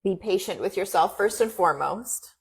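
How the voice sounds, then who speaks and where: A woman whose native language is Farsi appears as a guest in a casual interview, speaking earnestly and encouragingly in quick bursts. Her voice sits in the mid-range with a breathy edge.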